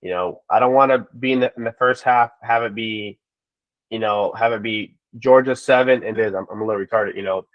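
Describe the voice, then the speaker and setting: A man co-hosting a casual sports podcast, retelling plays with animated quoted voices. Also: fairly low pitch, a little fast, no room sound. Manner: animated storyteller, acts out quotes. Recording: dull, dry lo-fi mic.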